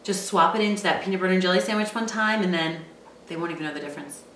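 A woman in her thirties with a bright, forward voice, cheerfully walking through a snack in her home kitchen. She chats in an upbeat, encouraging way. The sound is roomy and picked up from a distance. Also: lowish voice, very fast, a little hiss or hum. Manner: upbeat, chatty, encouraging tips. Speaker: cooking show host, mother. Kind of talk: casual cooking demonstration with her daughter. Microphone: far camera mic.

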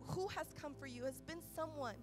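Impassioned high-voiced woman preaching. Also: a little fast, over music. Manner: impassioned, swings between loud urgent peaks and soft quiet passages; repeats and restarts phrases while preaching. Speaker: pastor. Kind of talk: sermon. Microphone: microphone.

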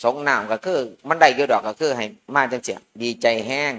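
A man's voice: medium pitch, a little fast, bright, forceful tone. A man, a Buddhist monk with an Isan accent, giving an informal sermon at a merit-making ceremony in a folksy, joking storytelling manner.

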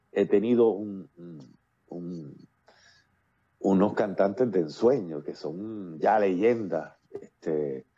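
A warm voice of fairly low pitch, with the highs cut off, belongs to a Puerto Rican playwright and actor in his fifties. He is the guest in a casual interview over video call, speaking at length with a Puerto Rican accent and many fillers and restarts into earphones with a built-in mic.

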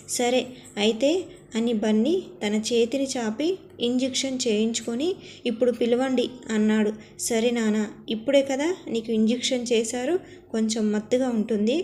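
Woman storyteller, somewhat high, mellow tone, reads all the roles herself in one even voice. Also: slight background noise. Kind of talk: narrated family drama story.

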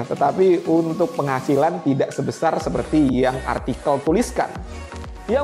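A man with a higher-leaning, darkish voice explains things directly to camera, speaking to his audience like friends and posing rhetorical questions. He's an air traffic controller and channel host. The setting is a small indoor studio-style room, and he wears a clip-on lapel microphone.

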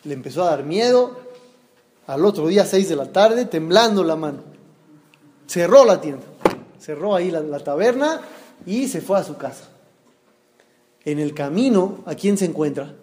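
A man, a rabbi giving an animated storytelling sermon who acts out voices and questions his listeners. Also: a little high, normal speed, long pauses. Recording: long hall reverb.

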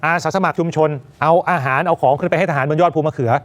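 A male news anchor giving emphatic, animated commentary. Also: a little high, fast.

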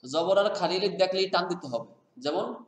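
A man's voice: high-pitched, a little fast, reverberant. A man teaching Quran reading rules in conversation, often asking his student to repeat the answer back to him.

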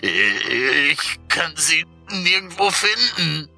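Man putting on a desperate old man in his eighties, high strained voice, stammering, crying, pleading, horror audiobook. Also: big pitch swings, drawn-out words, gravelly, sharp tone, soft background music, full character voice. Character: frantic grief-stricken old man over eighty.

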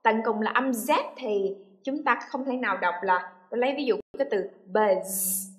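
An English teacher with a slightly high voice explains pronunciation in a classroom lesson, patiently modeling words slowly and drawing out demonstration sounds. She keeps asking the class whether they've understood.

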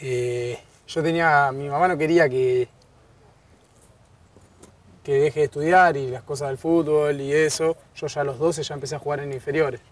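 A man in his thirties with a Rioplatense Spanish accent, a guest footballer chatting casually in an outdoor garden bar, relaxed and repeating his words. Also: a little high, moderate pace. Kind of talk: casual interview chat. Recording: distant outdoor pickup, faint ambience.

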